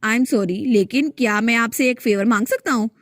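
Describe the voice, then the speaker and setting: A woman's voice: a little high, moderate pace, no echo, studio quality, close to an everyday voice. A woman voicing a worried young man who earnestly pleads to take his little sister home. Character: worried young man, protective older brother.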